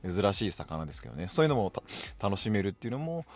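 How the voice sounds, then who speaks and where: Hokkaido guy doing his solo podcast, lowish voice, swoops up and down a lot, chatty. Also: sing-song, fast. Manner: chatty, dotted with "hai" affirmations. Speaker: podcast host. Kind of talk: casual solo podcast chat.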